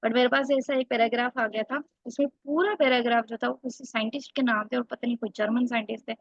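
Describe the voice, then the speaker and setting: A woman's voice: a little high, fairly even intonation, quick pace, no echo. Corrective woman tutor, dry lo-fi sound. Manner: coaching, corrective, explains step by step. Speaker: English exam tutor. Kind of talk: one-on-one online lesson.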